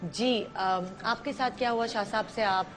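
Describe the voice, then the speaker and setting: A woman's voice: a little high, moderate pace, crowd noise. A woman from Pakistan hosting a TV morning talk show, prompting her guest with short questions.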